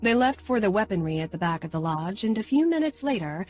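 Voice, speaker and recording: A woman narrating a first-person audiobook in a measured storytelling manner. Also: medium pitch, big pitch swings, a little mellow, faint music behind.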